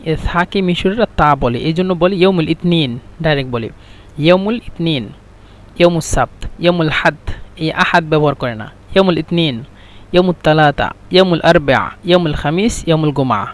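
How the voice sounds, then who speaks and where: Bengali man slowly drilling Arabic phrases. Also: fairly high pitch. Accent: Bangladeshi Bengali. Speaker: Arabic teacher. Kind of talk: explaining a language lesson.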